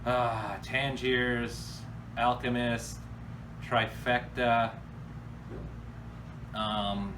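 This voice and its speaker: He draws out his words and leaves long pauses, his medium-pitched voice barely moving in pitch. This American host answers viewer questions in a casual, blunt, slangy Q&A that feels improvised. The mic is far away, so background noise stands out.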